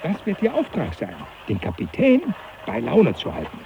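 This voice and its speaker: A jovial teasing professor. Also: male voice, on the high side, huge pitch swings, normal speed, rough recording. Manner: jovial, teasing, laughs often. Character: jovial older male professor, mocking. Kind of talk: 1980s radio play acting.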